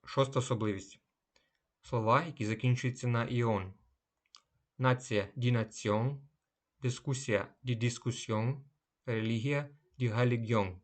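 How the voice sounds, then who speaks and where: Man calmly reading a vocabulary lesson. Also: medium pitch. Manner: measured, slows down to say each German word clearly. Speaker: language teacher.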